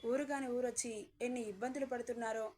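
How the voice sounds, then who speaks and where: This is a storybook reading with a scheming male kidnapper who coaxes and threatens his young captive, as a woman narrator puts him on. His voice stays fairly high, the way it sounds when a woman reads for him. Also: fairly even intonation, quick pace, warm tone, lightly acted. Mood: falsely soothing. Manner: coaxing, then threatening. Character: scheming male kidnapper uncle, menacing and fake-kind.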